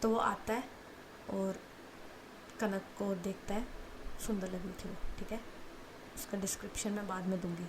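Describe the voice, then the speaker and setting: A woman's voice: medium pitch, fairly even intonation, normal speed, pauses often, noisy background. A woman narrating a love story in a casual, chatty way with asides to listeners.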